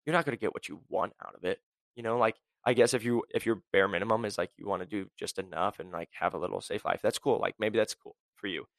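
A young podcast host delivers punchy, blunt motivational career talk at high speed and high energy. He leans heavily on "like" and "right?", and there is no echo.

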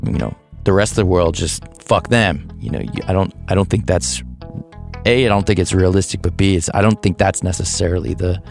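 Faint music plays behind a man in his thirties whose deep, creaky voice carries a darkish tone and a brisk pace. Hosting his podcast, he reflects aloud in a loose, hesitant way, thoughtful and prone to restarts and laughter.

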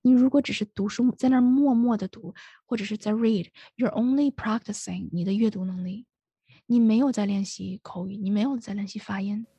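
A woman teaching English pronunciation in Mandarin, switching into English and modeling words slowly. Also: medium pitch, mellow, breathy edge, no echo, highs cut off. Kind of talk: bilingual pronunciation lesson.

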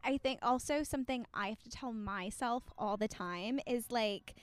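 Young woman, podcast co-host, casual chat, filler-heavy, slightly high voice. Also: normal speed, clean tone, no room sound. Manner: chatty, reassuring, many "like" fillers, laughs often.

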